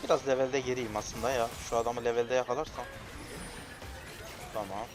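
Young male streamer, mid-pitched, explosive and frustrated, game music underneath. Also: normal speed. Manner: excitable, frustrated outbursts, shouting at teammates. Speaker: gamer streaming gameplay. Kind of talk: live gameplay commentary.

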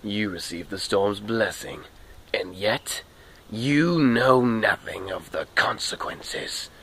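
A cold and haughty video game nobleman, played by a young man switching impression voices. He is solemn and unhurried, with a husky edge. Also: fairly low pitch, a bit bright, exaggerated voice. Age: young adult. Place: outdoors among trees.

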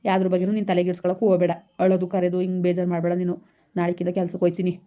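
A woman playing a gentle young village husband who keeps coaxing his pregnant wife. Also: fairly low pitch, monotone, very fast, lo-fi sound, lightly acted. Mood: soothing. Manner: soothing, repetitive coaxing. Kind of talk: village skit acting.

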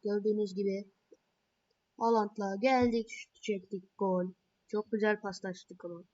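A woman playing a mobile football game, calling her own plays and reacting with excited and frustrated outbursts. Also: mid-range voice, a little slow, dull audio, slight background noise.

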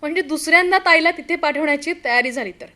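An actress in an old-style radio play as a concerned young friend, earnest and pressing in a dramatic way. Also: female voice, high voice, fast talker, very noisy, lightly acted. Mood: reproachful. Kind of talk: radio play acting, old radio show manner.

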